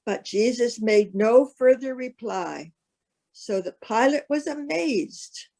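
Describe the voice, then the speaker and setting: A woman narrating a solemn Bible reading as a scripted piece, with measured, careful phrasing. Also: a little high, animated, vocal fry, dark tone.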